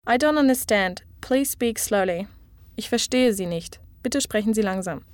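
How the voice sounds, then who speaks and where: A woman tutoring a language lesson, giving each phrase slowly and clearly for a learner to repeat. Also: mid-range voice, animated, no echo, clean studio sound. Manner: clear, measured model pronunciation.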